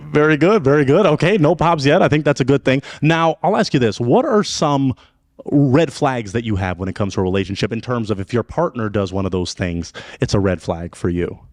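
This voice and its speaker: A man runs a dating game show with a showman's patter, his pitch swinging high and low. He sounds close and dry, without room echo. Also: a little fast. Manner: animated, showman emcee patter.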